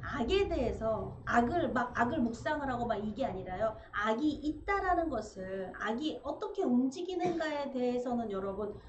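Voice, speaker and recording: A woman pastor preaching a sermon in an animated way, acting out quoted conversations. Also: a little high, moderate pace, few pauses. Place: church sanctuary. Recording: echoey church room, dull sound, faint noise.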